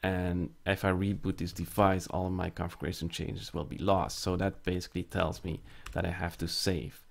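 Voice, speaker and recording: A man's voice: deep voice, little pitch movement, normal speed, creaky, few pauses. A man giving a casual step-by-step screen-recorded tech tutorial, explaining as he types commands with frequent fillers. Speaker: network tutorial presenter.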